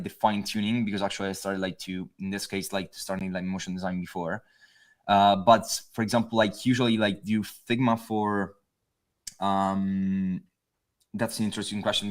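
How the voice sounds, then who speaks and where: A man with an Italian accent, a guest designer talking in a casual panel chat, halting and full of fillers. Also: on the low side. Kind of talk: casual panel chat over a video call.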